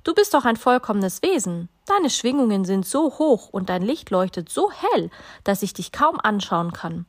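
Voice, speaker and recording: A woman voicing an excitable, childlike little soul in a storybook reading, with a high, eager voice. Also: moderate pace, no room sound, clean studio sound. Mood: wondering. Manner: high, bright and eager, voice jumping up.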